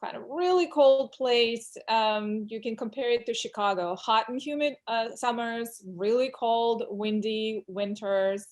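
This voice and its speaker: A Russian woman, a native Russian speaker and employment lawyer, tells her story candidly and reflectively as a guest in a casual interview chat. Her voice is a little high and darkish, a little slow, and she hardly pauses.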